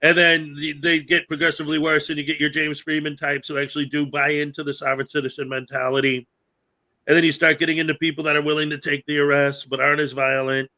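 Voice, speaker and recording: This man hosts a podcast in loose, casual chat, with a tone that has a bright, forceful edge. He sits a little higher than most men in pitch. He rambles, piles on fillers and laughs often. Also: level tone, quick pace. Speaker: podcast host.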